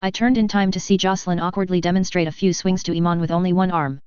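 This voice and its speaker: Brief: woman narrator, steady audiobook read, lowish voice, dry close-mic sound. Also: fast, clear, resonant tone, dry recording. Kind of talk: first-person audiobook narration of fan fiction. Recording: dull lo-fi recording.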